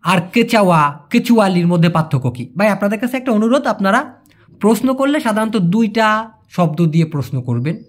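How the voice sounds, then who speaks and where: Patient man teaching words, lively pitch. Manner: patient, repeats words slowly to teach them. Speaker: Malay language teacher. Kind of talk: explaining vocabulary to viewers.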